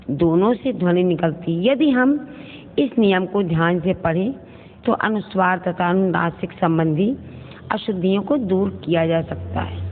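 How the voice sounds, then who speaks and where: A school teacher with a lowish voice gives a recorded online grammar lesson for children, speaking slowly and carefully. She repeats each word to contrast wrong and right forms and fondly calls her pupils children. The audio is tinny and phone-like, with long reverb and faint noise.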